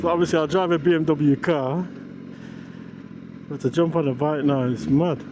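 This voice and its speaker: Out on the road on his motorbike, a British vlogger delivers excitable, slangy commentary off the cuff, thinking aloud in a fairly high voice at a moderate pace. Wind hits the action camera microphone, and motorcycle engine and traffic sounds fill the background.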